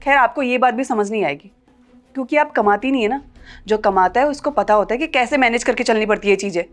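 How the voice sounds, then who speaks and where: An actress playing an outspoken young daughter-in-law who scolds and confronts others in a family short film. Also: female voice, a little high, fast talker, faint music behind, lightly acted. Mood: scolding. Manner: confrontational, scolding, rising loudness.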